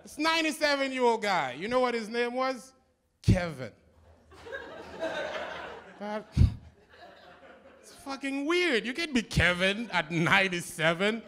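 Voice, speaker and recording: A man's voice: high voice, sing-song, a little slow, pauses often, sharp tone. A man with a Haitian accent, from Haiti, doing a live stand-up set with a punchy, wry delivery. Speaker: stand-up comedian. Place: live comedy show stage.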